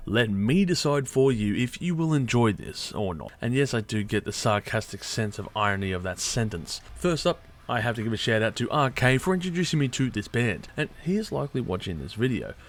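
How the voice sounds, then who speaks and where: A man's voice: medium pitch, lively intonation, a little fast, hardly any pauses. A man delivering a scripted album review in a sarcastic, irreverent way with casual swearing. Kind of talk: scripted music review monologue.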